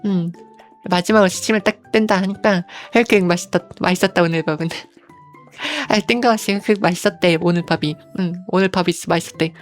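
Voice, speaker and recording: A woman streaming as a virtual creator, chatting casually and unhurriedly, filling pauses with soft hums and speaking of herself in the third person. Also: medium pitch, faint music behind.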